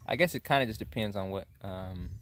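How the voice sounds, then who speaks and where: Young man, very deep voice, casual rambling chat, faint background noise. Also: a little fast. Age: 20s. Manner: rambling, thinking aloud with many fillers. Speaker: co-host of a couple's livestream.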